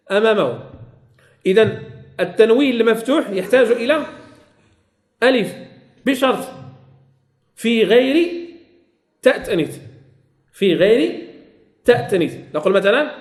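A man's voice: high voice, roomy sound. A man teaching a classroom lesson on Quran recitation rules, repeating key phrases and quizzing his students.

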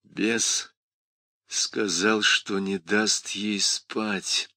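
A man voices an exhausted, worried priest speaking in a quiet, flat, weary tone. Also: lowish voice, normal speed, dry recording, studio quality.

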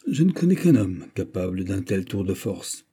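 A man reading the part of a shrewd, quick-witted musketeer in an audiobook, speaking with dry wit. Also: sits low, sing-song, dark tone, husky, heavily acted. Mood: astonished.

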